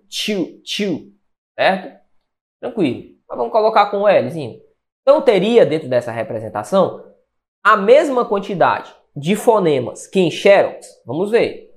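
A man from Brazil, teaching Portuguese grammar for an exam and checking in with quick questions. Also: high voice. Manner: energetic, with catchphrases and question-answer checks. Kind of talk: exam-prep lesson.

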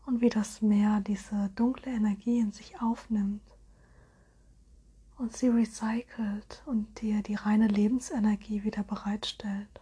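A woman guiding a relaxation hypnosis in a soft, soothing, airy spa whisper with gentle suggestions. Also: mid-range voice, level tone, unhurried, breathy edge. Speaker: hypnosis guide.

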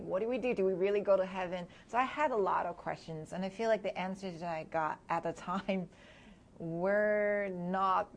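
The guest is a woman in her thirties from Hong Kong whose lowish voice comes across candid and thoughtful during the interview. She often laughs softly as she moves from one idea to the next.

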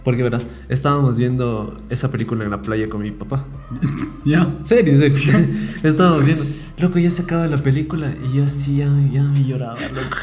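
A man's voice: medium pitch, fairly even intonation, brisk, a little mellow, soft background music. A young man, chatting casually with friends as a podcast co-host, joking and rambling in slangy speech. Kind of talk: casual chat among friends. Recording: roomy echoey room.

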